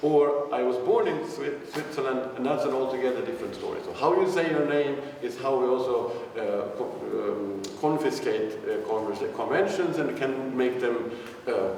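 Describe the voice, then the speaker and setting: A man's voice: mid-range voice, normal speed, a little mellow. A man giving a live lecture, casual and irreverent, thinking aloud with frequent restarts. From Sweden. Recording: echoey hall, speaker far from the mic, faint noise.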